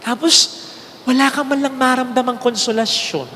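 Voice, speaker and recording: A man with a Filipino accent giving a homily as a priest, telling a story with lively swings between raised exclaims and low, hushed lines. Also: normal speed, slight background noise. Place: large church. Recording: long church reverb with faint ambience.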